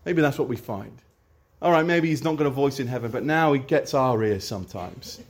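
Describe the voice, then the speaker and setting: A man preaching a sermon with passion, rising to loud declarations and dropping to quiet, conversational storytelling. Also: mid-range voice, brisk. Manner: impassioned, swings between loud exclamation and quiet storytelling.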